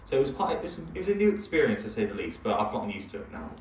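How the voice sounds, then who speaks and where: A man's voice: on the low side, very animated, racing, a little mellow. A young man co-hosting a podcast, chatting casually and rambling through stories with laughs. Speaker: podcast co-host. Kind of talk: casual chat. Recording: echoey, distant, dull sound with faint hiss.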